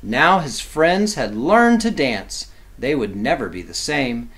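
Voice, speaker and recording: Taking a slow pace in a mid-range voice, a man reads a children's book aloud as a teacher. He's expressive throughout and adds easy explanations aimed at small children.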